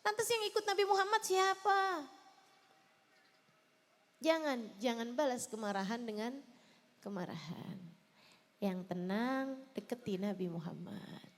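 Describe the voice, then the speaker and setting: A woman preacher, delivering an impassioned sermon straight to wives, moving between loud emphasis and soft pleading. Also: on the high side, lively intonation, measured pace, long pauses, big-room sound. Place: large hall at a religious celebration.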